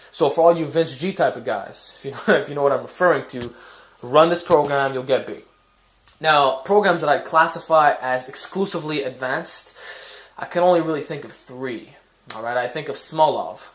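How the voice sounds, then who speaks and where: A man's voice: mid-range voice, a bit bright. A man hosting a fitness video, giving blunt, casual training advice with frequent fillers and swearing. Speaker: fitness channel host.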